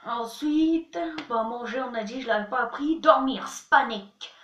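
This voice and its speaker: A woman's voice: fairly high pitch, a little slow, fairly bright tone, lo-fi sound. A young woman in a casual vlog, chatty and playful, teaching words and poking fun at herself. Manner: chatty, playful, self-mocking. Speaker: vlogger. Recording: echoey room, mic at a distance.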